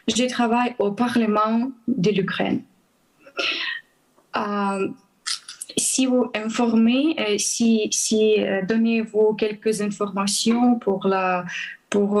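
A Ukrainian-accented woman in her thirties giving a hesitant church testimony with prayer requests, pausing often to search for words. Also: medium pitch, low-quality recording. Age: 30s. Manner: hesitant, many fillers and restarts. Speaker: church guest speaker.

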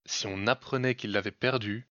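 A man telling a folk tale as a podcast storyteller, in measured, dramatic narration. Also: on the low side, steady tone, fairly bright tone, dry recording. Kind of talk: scripted narration. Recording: dull, dry lo-fi recording.

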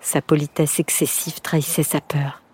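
A woman reading a children's storybook aloud in a measured, expressive way. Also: low voice, husky. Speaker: narrator. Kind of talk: storybook narration.

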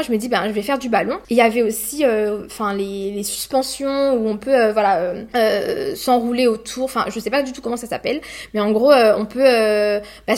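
A young woman from France, a podcast guest, recounting her childbirth with many hesitations and restarts. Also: on the high side. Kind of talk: personal birth story interview.

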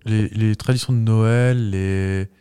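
A man co-hosting a casual podcast chat, guessing at trivia answers and tossing in quick jokes and quips. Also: on the low side, fairly even intonation, warm tone, clean tone. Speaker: podcast co-host.

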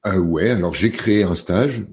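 A middle-aged man from France, a podcast guest, telling his story in casual interview talk, halting often with fillers and restarts. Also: low voice, crowd noise.

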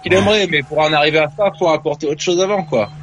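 A man's voice: a little high, fast, lo-fi sound, a little hiss or hum. Earnest man giving advice by phone. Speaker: caller. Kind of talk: call-in radio advice.

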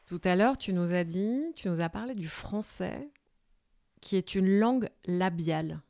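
A woman interviewer asking questions in a relaxed, conversational way. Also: fairly low pitch, a little slow, vocal fry, no room sound.

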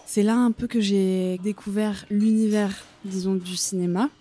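Sitting in a café-restaurant for a conversational interview, a young woman from France, a film script supervisor, answers thoughtfully, hesitating and using lots of fillers. She speaks a little slowly in a warm, medium-pitched voice with fairly even intonation.

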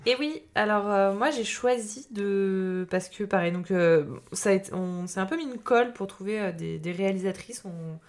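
A woman's voice: medium pitch, moderate pace, few pauses. A woman chatting casually as a podcast co-host, hesitant and searching for words. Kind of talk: casual chat.

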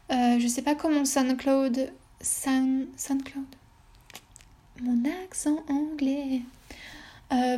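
A woman's voice: high-pitched, dark tone. A woman hosting her own podcast, chatting casually and hesitantly with many fillers and restarts. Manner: rambling, hesitant, lots of fillers. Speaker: podcast host. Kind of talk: casual solo podcast chat.

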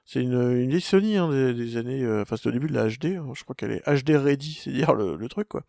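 A man's voice: medium pitch, lively intonation, fast talker, gravelly, dark tone, dry recording, clean studio sound. A young adult man co-hosting a casual tech chat, rambling with many restarts and fillers. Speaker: podcast co-host.

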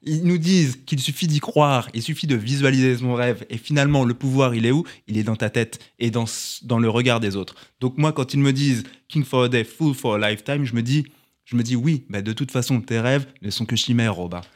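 A man's voice: mid-range voice, fairly quick. A man co-hosting a podcast, rambling through stories and mock-grandiose speeches in casual banter. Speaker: podcast co-host.

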